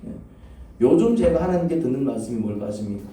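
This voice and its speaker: A man's voice: medium pitch, expressive, fast, dark tone, a little hiss or hum. A man, a pastor, preaching a sermon in a church and firing questions at the congregation. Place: church sanctuary. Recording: echoey church from a distance.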